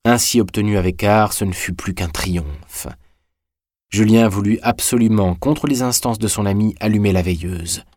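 Low voiced guy reading a novel aloud, calm even pace, dry sound. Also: normal speed, dry recording. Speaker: audiobook reader. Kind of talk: scripted audiobook narration.

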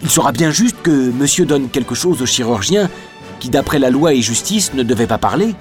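A man's voice: mid-range voice, animated, normal speed, faint music behind, pitched above the performer's own voice, lightly acted. A man voicing a sly, greedy giant of a jailer who talks in a falsely sweet, fawning way.

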